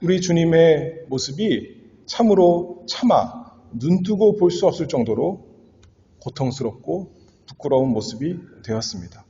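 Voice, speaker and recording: A man's voice: on the high side, expressive, a little slow, warm tone, a little hiss or hum. A male pastor delivering an earnest expository sermon, swelling and dropping for emphasis. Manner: earnest, dramatic swells and drops. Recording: echoey hall, dull lo-fi sound.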